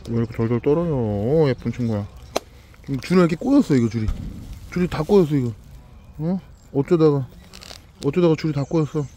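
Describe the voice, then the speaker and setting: A man's voice: on the high side, animated, a little fast, long pauses, warm tone, a little hiss or hum. Man cooing repeated baby talk at dogs. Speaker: vlogger feeding rural dogs. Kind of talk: casual talk to dogs and camera. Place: outdoors in the countryside.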